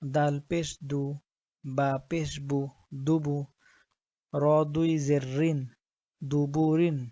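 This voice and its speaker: A man teaching Quran reading, spelling out letters and syllables slowly and deliberately, one at a time. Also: a little high, flat delivery, warm tone, no room sound, muffled recording. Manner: slow, deliberate letter-by-letter drilling. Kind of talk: slow spelling-out lesson.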